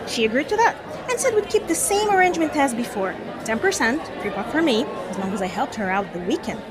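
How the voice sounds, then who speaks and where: In an audio drama, a woman plays a male undercover cop rehearsing a foul-mouthed pot dealer's anecdote, telling the street story in a slangy, profane, exasperated yet matter-of-fact way. Her voice is on the high side, very animated, and fast. A loud crowd and heavy background noise fill the scene.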